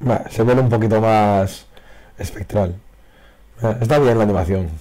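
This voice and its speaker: Man, hoarse, losing his voice, excitable card game commentary. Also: lowish voice, normal speed. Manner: excitable, reacts loudly to pulls. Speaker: card game video creator. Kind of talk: casual pack-opening commentary. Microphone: faulty broken microphone.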